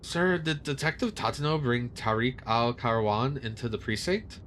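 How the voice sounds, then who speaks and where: A man's voice: mid-range voice, normal speed, fairly bright tone, a little hiss or hum, natural voice. A man reading the lines of an earnest, hot-headed young detective, urgent and questioning.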